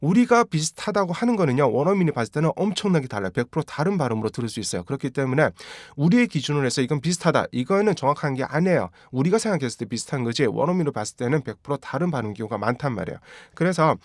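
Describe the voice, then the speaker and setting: A man's voice: a little high, animated, rapid-fire, hardly any pauses, no room sound, studio quality. A man with a Korean accent teaching English pronunciation, repeating model words many times and asking rhetorical questions. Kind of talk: pronunciation lesson.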